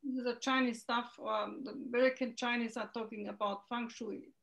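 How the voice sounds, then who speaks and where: A middle-aged woman from Germany with a German accent, a native German speaker, talking hesitantly with many pauses as a guest on a video call. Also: on the high side, steady tone, fairly bright tone. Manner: hesitant, searching for words with many ums. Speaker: guest, feng shui consultant. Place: home room with window. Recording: dull lo-fi video call audio.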